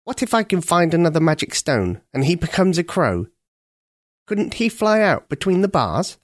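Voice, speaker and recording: A man's voice: fairly high pitch, very animated, normal speed, dry recording, voice pushed up. A boisterous old storybook crow, the bossy senior of the flock, coaxing and eager, as a man reading aloud puts him on. His voice leaps up and down and sits raised above the storyteller's own. The recording is dry and close. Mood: helpful.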